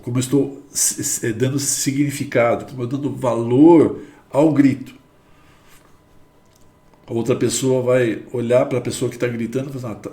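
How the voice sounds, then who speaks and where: A man's voice: mid-range voice, a little mellow, roomy sound. A man with a Brazilian Portuguese accent gives a live church teaching on addiction recovery. He explains step by step, repeats his points and drops in exclamations.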